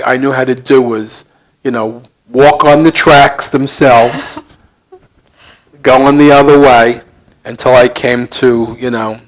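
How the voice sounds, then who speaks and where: A man in his seventies from Brooklyn, with a heavy Brooklyn accent and a mid-range voice, is an interview guest answering reflectively. He speaks haltingly, plainly and self-deprecatingly, and the recording quality is low.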